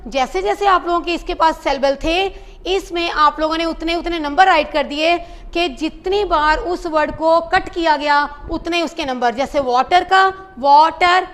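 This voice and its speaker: A woman English teacher, giving a classroom lesson. She reads English sentences slowly, then explains them in Urdu and splits words into syllables. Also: very high-pitched, fairly bright tone.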